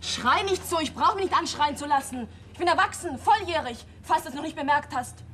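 A woman's voice: mid-range voice, lively intonation, a little fast, close to an everyday voice. An actress playing a young waitress who speaks out against her father, in a 1960s TV drama. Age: young adult. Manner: defiant, outspoken. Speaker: waitress, innkeeper's daughter. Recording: old TV soundtrack with faint hiss.

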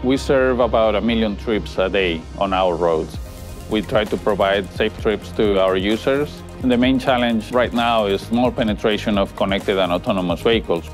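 Man, lowish voice, matter-of-fact, faint music behind. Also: moderate pace. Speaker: company chief executive in promo. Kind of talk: corporate promo interview.

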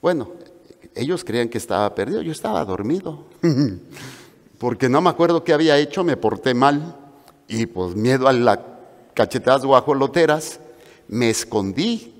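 A man preaching a sermon with a Mexican Spanish accent, telling stories in an animated way and acting out the voices of the people in them. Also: mid-range voice, normal speed. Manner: animated storytelling with acted-out voices. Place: church hall. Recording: long reverb of a large hall.

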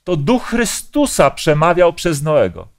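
A man's voice: fairly high pitch, wildly swooping pitch, measured pace. A man leading a Bible study discussion, explaining passages and asking the group questions.

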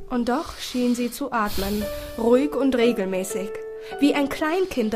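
A woman narrating a story in the first person, expressive and emotional. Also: high-pitched. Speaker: audiobook narrator.

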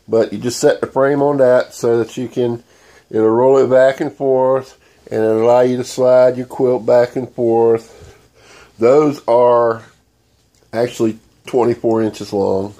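In a sewing room, a DIY channel host with a cold-stuffed voice rambles through a plain-spoken how-to demo, filming on a handheld phone. His voice is mid-range and mellow.

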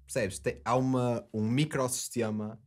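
A man's voice: mid-range voice, steady tone, unhurried. A man in his thirties with a European Portuguese accent, a podcast guest in casual debate, earnest and digressive with many restarts. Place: small studio with acoustic foam. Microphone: desk mic on boom arm.

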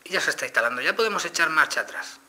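A man's voice: a little high, animated, very fast, sharp tone. A man with a Spain Spanish accent casually demonstrating a phone to viewers, explaining each step. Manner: explanatory, addresses viewers directly. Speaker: phone reviewer. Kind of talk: casual product demo.

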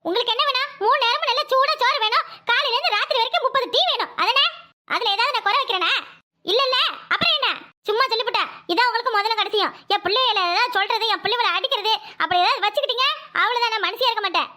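A woman's voice: extremely high pitch, fast, pushed and bright. A woman voicing a mother who defends her children to her father-in-law, with a southern Tamil Nadu accent. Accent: southern Tamil Nadu, Tirunelveli-Kanyakumari. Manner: pleading, then firmly defiant. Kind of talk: cartoon voice acting.

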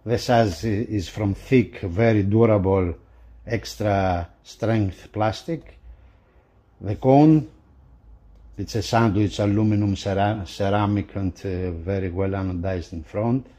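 Describing what he unpacks, a magazine product reviewer speaks in a mellow, lowish male voice. His pace is very slow and his non-native English halting and fragmented.

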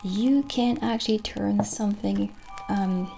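In an ASMR roleplay, a woman plays a gentle, friendly witch running a potion shop, speaking softly, soothingly, and without hurry. Her medium-pitched, gravelly voice stays steady, calm, and warm. The setting is a small, dim, candlelit room indoors with soft music behind her.

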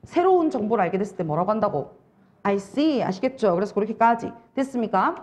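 A young woman with a Busan Gyeongsang accent lecturing an English test-prep class, animated and constantly checking that students follow. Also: medium pitch, brisk. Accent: Busan Gyeongsang Korean. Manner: animated, keeps checking understanding with rhetorical questions.

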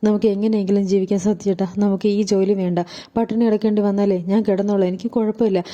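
A woman's voice: mid-range voice, flat delivery, fast, warm tone, dull audio, close to an everyday voice. Woman reading a tearful pleading young wife.

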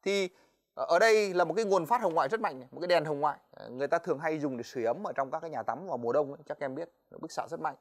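A man teaching physics in a televised exam-review lesson, talking to students in a chatty way with many fillers and quick checks for understanding. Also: fairly high pitch. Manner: quick, chatty, stops often on "đấy" and "ờ"; addresses students directly, asks "right?".

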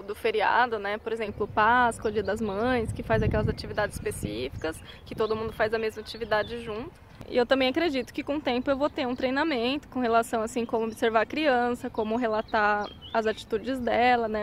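High-voiced chatty Brazilian woman vlogging. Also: noisy background. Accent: Brazilian Portuguese. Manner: chatty, animated, frequent tag questions. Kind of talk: casual vlog chat.

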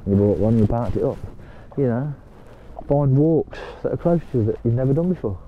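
A man's voice: mid-range voice, animated, a little fast, phone-quality sound, a little hiss or hum. An older man chatting casually to camera while kayaking on a canal, talking to his dog now and then. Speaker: vlogger. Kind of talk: casual vlog chat.

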